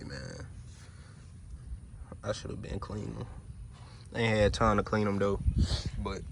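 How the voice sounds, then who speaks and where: A man's voice: on the low side, creaky. A man talking casually while he works on a truck outdoors, recorded on a phone camera. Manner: relaxed, talks as he works, points things out. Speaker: DIY car repair vlogger. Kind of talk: casual how-to narration while working. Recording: noisy outdoor phone video.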